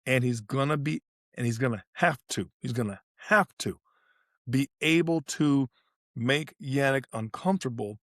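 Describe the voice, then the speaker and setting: This is a male co-host of a sports podcast analysing tennis, chatting casually about the play and repeating phrases to stress his points. He speaks at a normal speed in a medium pitch, captured dry with studio quality.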